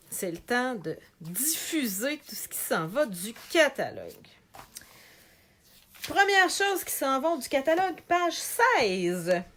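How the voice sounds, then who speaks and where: A woman's voice: high-pitched, a little hiss or hum. A middle-aged woman with a Québécois French accent, chatting live to viewers while showing craft products for sale. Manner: chatty, animated, talks to viewers directly. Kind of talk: live video sales chat.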